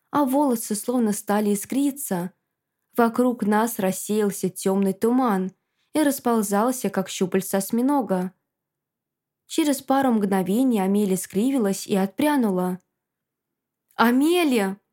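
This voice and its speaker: A woman narrating a first-person fantasy story in a measured, dramatic storytelling manner. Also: medium pitch, darkish tone. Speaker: audiobook narrator.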